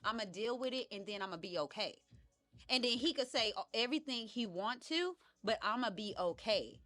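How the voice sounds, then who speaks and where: A woman's voice: a little high, animated, a little fast, pushed and bright, soft background music. A woman in her thirties co-hosting a podcast, talking candidly and bluntly, laughing often. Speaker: podcast co-host. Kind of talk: casual chat.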